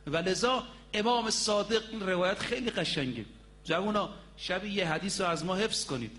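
A man preaching a sermon to a gathered audience, retelling stories dramatically with emphatic rises and slow, drawn-out stresses. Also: sits high, animated, a bit bright, a little hiss or hum. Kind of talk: religious sermon.

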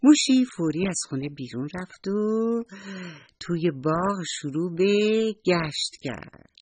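A woman telling a bedtime story to young children in a sweet, affectionate, slow sing-song way. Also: low-pitched, slightly rough.

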